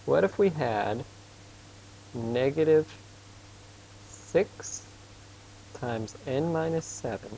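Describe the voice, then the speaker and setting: In an informal tutoring lesson, a man with a mellow, mid-range voice, lively intonation and some vocal fry teaches math casually and patiently. He quizzes his student as he works and admits he talks fast; the poor audio has slight background noise.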